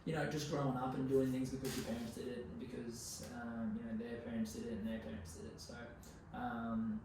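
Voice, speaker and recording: A man's voice: mid-range voice, level tone, a little fast. A man in his twenties with an Australian accent chats casually as an interview guest, in a laid-back, slangy, sweary way. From Queensland, Australia. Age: 20s. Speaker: podcast guest. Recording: very echoey, distant mic, noisy room.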